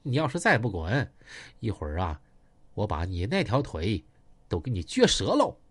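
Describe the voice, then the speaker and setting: A man's voice: fairly low pitch, wildly swooping pitch, moderate pace, fairly bright tone, breathy edge, pitched below the performer's own voice, full character voice. A man voicing a boastful, coarse male gang boss, taunting his rivals. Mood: contemptuous.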